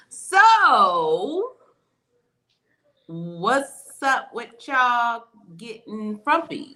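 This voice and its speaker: Blunt sarcastic woman co-host, bright voice. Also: medium pitch, rough recording. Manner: blunt, sarcastic, talks to listeners directly. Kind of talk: casual radio talk show chat.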